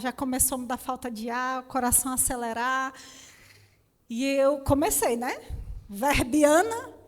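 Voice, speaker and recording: A Brazilian woman preacher giving an animated sermon with a personal testimony, often calling out to the congregation as brothers. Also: high voice. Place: church hall. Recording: reverberant church hall.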